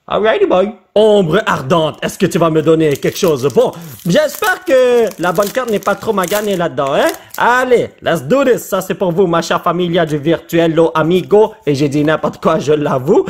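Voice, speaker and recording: Quebecois dude ripping card packs, super lively voice that jumps all over, tosses in english slang. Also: male voice, sits high, husky. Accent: Québécois French. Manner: animated, mixes English slang into French. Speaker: YouTuber opening trading cards. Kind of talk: excited casual vlog.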